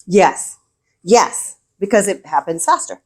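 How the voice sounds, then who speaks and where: A woman's voice: lowish voice, expressive, takes it slowly. Emphatic woman on a business podcast. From El Paso, Texas. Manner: enthusiastic, emphatic, repeats key words. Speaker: podcast guest, regional director. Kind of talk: conversational podcast interview.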